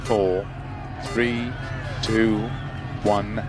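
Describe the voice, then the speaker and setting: A calm game co-driver calling pace notes. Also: male voice, on the low side, over loud music, a loud crowd. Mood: steady. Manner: measured, clipped pace-note calls.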